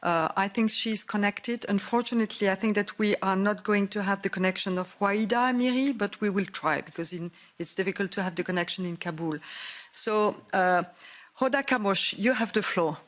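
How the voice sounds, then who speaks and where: A panel chair hands over the floor, pausing and filling gaps as the connection is sorted out. The voice sits at a middle pitch. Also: a bit bright. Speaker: session chair.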